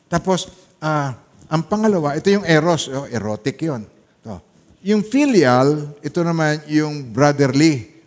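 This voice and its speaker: A man with a Filipino accent preaching a sermon, dropping to soft asides and rising to loud, emphatic peaks as he mixes English into his talk. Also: a little high. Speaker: pastor. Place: church hall. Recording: reverberant church hall.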